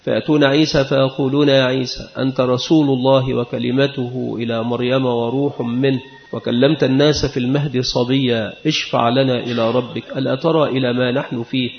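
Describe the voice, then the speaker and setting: A man teaching a religious lesson, explaining a text in a measured, explanatory way. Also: medium pitch, creaky. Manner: measured, explanatory, recites quoted speech. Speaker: Islamic scholar teaching. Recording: echoey, dull lo-fi recording.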